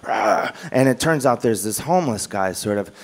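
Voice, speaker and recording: Male stand-up with a middle-pitched voice: rambling, self-mocking, filler-heavy storytelling. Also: expressive, brisk, darkish tone. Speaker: stand-up comedian. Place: comedy club stage.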